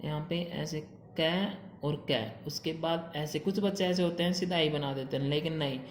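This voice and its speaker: A woman with a low voice teaches a shorthand class. She reads each English rule slowly, then explains it in mixed Hindi and English. The sound is roomy and echoey. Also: slight background noise. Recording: echoey room.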